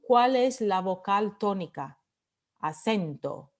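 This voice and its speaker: Slow bilingual Spanish teacher, woman. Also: mid-range voice, expressive. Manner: slow, explanatory, repeats words to model stress. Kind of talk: lecture mixing Spanish and English.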